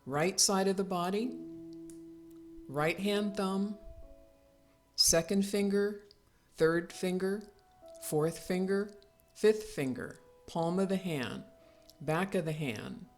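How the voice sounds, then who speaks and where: In a guided yoga nidra relaxation, a woman with a voice on the low side gives slow, tranquil instructions with pauses. Soft music plays in the background.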